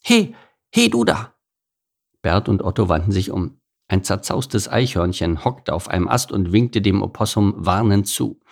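Expressive gravelly male storyteller. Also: low voice, moderate pace. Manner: expressive, playful. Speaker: narrator. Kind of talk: storybook reading.

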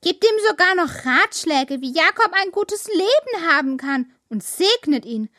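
A woman's voice: extremely high pitch, sing-song, measured pace, sharp tone, no room sound, studio quality, full character voice. A woman voicing a young woodworm girl in a children's audio drama, indignant and a bit whiny. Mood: reflective.

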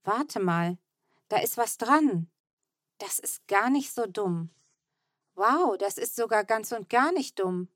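A woman's voice: medium pitch, lively intonation, takes it slowly, dry recording, clean studio sound. A woman reading an audiobook, voicing Manne, a fussy grown man who grumbles about money and gets carried away with his ideas. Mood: excited. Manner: fussing and exclaiming.

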